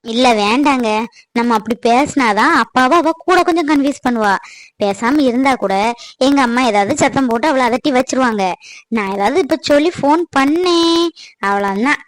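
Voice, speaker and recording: A woman playing an excited, chatty young married daughter in a family drama skit. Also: high-pitched, normal speed, no echo, natural voice, rough recording. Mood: cautious. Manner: eager, chatty.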